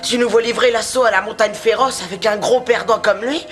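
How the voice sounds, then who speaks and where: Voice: medium pitch, fairly even intonation, a little fast, a bit bright, natural voice. An actor playing a cheeky, sarcastic young boy hero with slangy delivery in a French cartoon dub. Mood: unimpressed. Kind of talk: French animated series dubbing. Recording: music faintly behind the voice.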